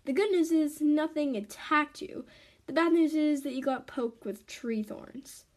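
A woman's voice: high-pitched, measured pace, pitched above the performer's own voice. A woman voicing an eleven-year-old girl stranded in the woods with her twin, anxious and urgent. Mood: worried.

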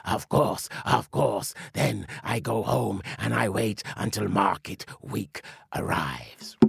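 A storyteller voicing a strong, gullible tiger man who speaks slowly and earnestly in a low voice. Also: animated, vocal fry, a bit bright, breathy edge, no echo, clean studio sound, heavily acted. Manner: slow, plodding, low.

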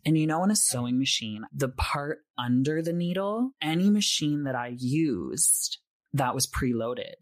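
A man's voice: on the high side, expressive, measured pace, dry recording, clean studio sound. A man being interviewed as a guest, talking in a chatty, candid way. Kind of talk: casual interview chat.

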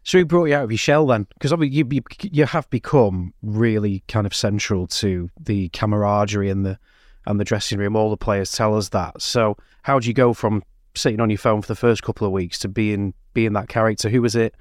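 A man with a fairly low voice, recorded dry and close, works as a sports interviewer. He is conversational and chatty, stringing his questions together in several parts. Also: steady tone, fairly quick, no echo. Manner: chatty, long multi-part questions.

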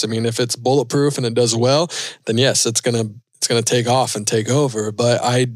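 A man's voice: medium pitch, no echo, studio quality. A man in his thirties hosting a casual podcast, answering listener questions in an easygoing way and thinking aloud with fillers. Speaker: podcast host and pilot.

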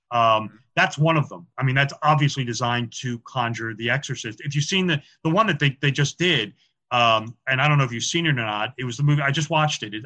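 With a bright, forceful tone and medium pitch, a man talks about film symbolism as a guest on a podcast. The conversation is a casual interview, and he explains things chattily, often using fillers and repeating words.

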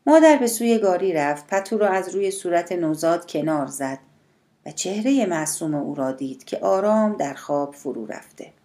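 A woman narrating an audiobook in a steady, measured storytelling voice. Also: on the low side.

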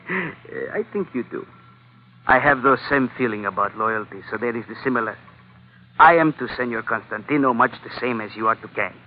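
In a 1940s-style radio drama, a male actor plays a sly, chuckling gangster lieutenant of thirty-one with a Spanish accent and halting English, using insinuating, friendly persuasion. His medium-pitched voice is animated and lightly acted, on a tinny, faintly noisy old radio recording.

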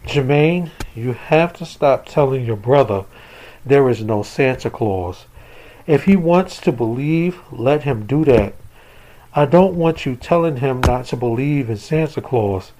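A man's voice: mid-range voice, lively intonation, a little slow, dark tone, a little hiss or hum, natural voice, poor audio. A man voicing a tired, firm mother who scolds her sons.

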